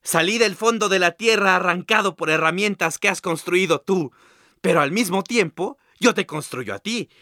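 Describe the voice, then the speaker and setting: A proud lump of forge coal calls out its rhetorical questions, put on by a man. The voice is pushed high and bright. The reading is dry and close. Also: moderate pace, dry recording. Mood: exclaiming. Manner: exclaiming, rhetorical. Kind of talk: storybook narration.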